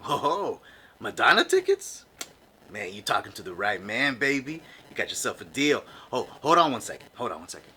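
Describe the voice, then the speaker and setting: Male actor as a wheedling showbiz agent in a comedy sketch; forceful, bright, coaxing patter. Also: mid-range voice, wildly swooping pitch, normal speed, a little hiss or hum. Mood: slick. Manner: coaxing, hustling, calls people baby. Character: smooth-talking, wheedling male talent agent.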